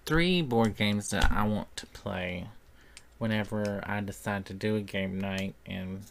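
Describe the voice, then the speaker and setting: A man's voice: fairly low pitch, creaky, a little hiss or hum. A man, co-hosting a casual podcast and chatting in a rambling way with dry jokes. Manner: slow, rambling, dry joking. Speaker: podcast co-host.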